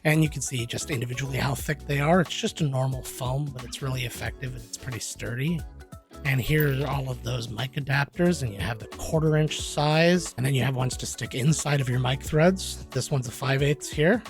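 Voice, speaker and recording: A man's voice: mid-range voice, moderate pace, gravelly, soft background music. A man who is a YouTuber, giving a casual, upbeat and joking unboxing review of audio gear. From Canada.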